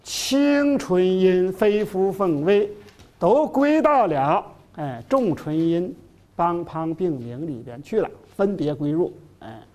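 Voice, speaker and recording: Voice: mid-range voice, lively intonation, slow, darkish tone. A middle-aged lecturer giving a classroom lecture, full of fillers, who repeats key phrases and stretches out terms for emphasis. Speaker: university lecturer.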